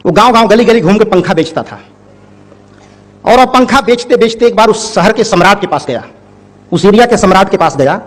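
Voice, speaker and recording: High-voiced man telling a story. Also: lively intonation, fairly quick, pauses often. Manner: plain conversational storytelling with repeated phrases. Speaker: public speaker. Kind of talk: storytelling in a speech.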